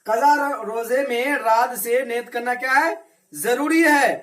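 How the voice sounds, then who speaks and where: A man teaching an Arabic reading and religious lesson to children. He asks questions, answers them himself, and repeats each point slowly. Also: extremely high pitch, fairly bright tone. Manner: slow, repetitive drilling.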